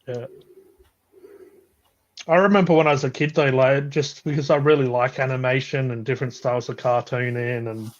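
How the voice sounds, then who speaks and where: A man's voice: mid-range voice, steady tone, normal speed, muffled recording. A man chatting casually about films on a live stream, rambling with frequent restarts and laughs. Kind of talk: casual chat.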